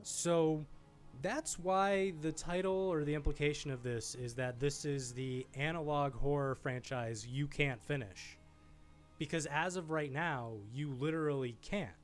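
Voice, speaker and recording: With a slightly high voice and an unhurried delivery, a male video essay host offers enthusiastic, informal thoughts on film. His tone is conversational, and background music runs underneath.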